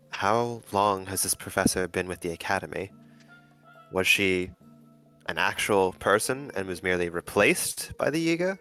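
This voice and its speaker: A man's voice: low-pitched, fairly bright tone. A young man playing a tabletop game, thoughtful and a bit hesitant. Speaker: player. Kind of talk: casual tabletop play.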